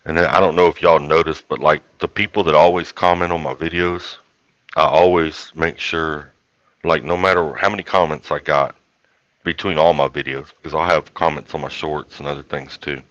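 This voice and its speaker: A man's voice: rumbling low, steady tone, moderate pace, a bit bright, dry recording, muffled recording. A man with a South Texas accent chatting casually on a livestream in a folksy, rambling way. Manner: folksy, rambling, colloquial drawl. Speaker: YouTube host.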